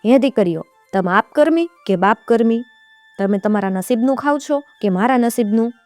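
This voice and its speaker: A woman's voice: a little high, animated, moderate pace, a little mellow, no echo, soft background music, pitched above the performer's own voice, natural voice. A woman voicing a wealthy, proud merchant father who flares into anger, in a told folk tale. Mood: questioning. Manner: angry, scornful challenge.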